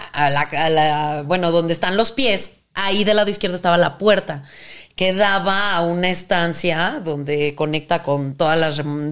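A female podcast co-host with a Mexican Spanish accent tells a story in casual chat, acting out the voices as she goes. Her voice sits on the low side, clear and resonant.

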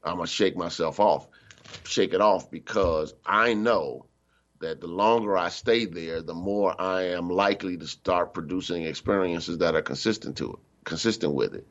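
A middle-aged man with a very low voice delivers a spiritual teaching in a loose, conversational way, leaning hard on the points he wants to land. He slips into other people's voices when quoting them. The recording sounds a little dull, like a radio broadcast. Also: moderate pace, a bit bright. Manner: conversational, emphatic, acts out quoted voices. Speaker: minister.

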